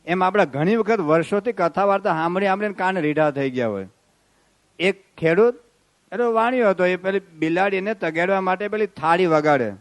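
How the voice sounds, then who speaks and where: High-voiced man preaching. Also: normal speed. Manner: storytelling with sung devotional verses. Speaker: swami giving a religious discourse. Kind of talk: devotional sermon with stories and sung verses.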